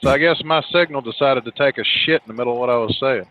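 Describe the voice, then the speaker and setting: A man's voice: medium pitch, fast talker. A man chatting casually and crudely over a poor lo-fi call, stumbling into his sentences. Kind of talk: casual group chat. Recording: muffled lo-fi call, noisy background.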